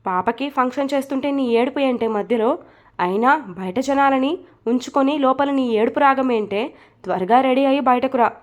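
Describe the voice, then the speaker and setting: A woman's voice: high voice, normal speed, darkish tone, close to an everyday voice. A woman voicing an impatient young husband who teases and scolds in a snappy way. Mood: scolding.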